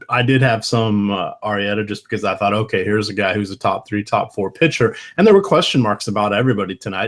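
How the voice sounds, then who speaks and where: A man's voice: lowish voice, fairly bright tone. A man co-hosting a fantasy baseball chat over an online call, hesitant and often restarting his sentences. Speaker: co-host analyst.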